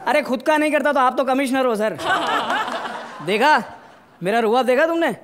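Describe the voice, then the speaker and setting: An actor playing a loud, lazy, boastful police officer in a live stage comedy sketch, teasing and punning. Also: male voice, very high voice, noisy background. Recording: live studio with audience laughter.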